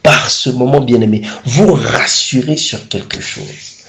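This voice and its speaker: A man's voice: medium pitch, unhurried, fairly bright tone. A man preaching a sermon, emphatic and repeatedly calling his listeners beloved. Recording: echoey room.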